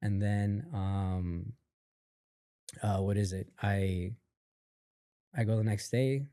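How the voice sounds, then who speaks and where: Low, dark-voiced man telling a story. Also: takes it slowly, dry recording, studio quality. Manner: animated storyteller, acts out others' words, many fillers. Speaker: podcast guest, company founder. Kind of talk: casual storytelling in an interview.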